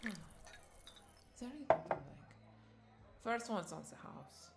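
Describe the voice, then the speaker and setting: This flirty, doting vampire bartender is played by a woman with a higher, sing-song voice, vocal fry and a measured pace, in a heavily acted and very noisy recording. Addressing the listener in the roleplay drama, she is coaxing and affectionate, drawing out her words with soft chuckles, soothing and attentive throughout.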